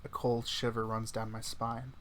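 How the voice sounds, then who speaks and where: A man's voice: medium pitch, level tone, normal speed, fairly bright tone, a little hiss or hum. Man reading a visual novel aloud. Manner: casual first-person reading with small slips and self-corrections. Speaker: let's play narrator.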